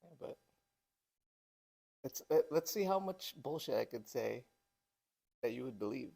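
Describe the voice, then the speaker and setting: Joking young man with a gravelly voice. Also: mid-range voice, animated, measured pace, warm tone. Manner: joking, laughs often, playful. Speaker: podcast co-host. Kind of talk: casual chat.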